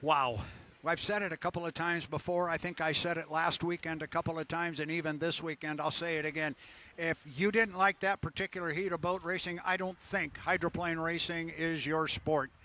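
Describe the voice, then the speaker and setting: A man calling a boat race live as the play-by-play commentator, getting excited and shouting at the finish. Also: on the high side, normal speed.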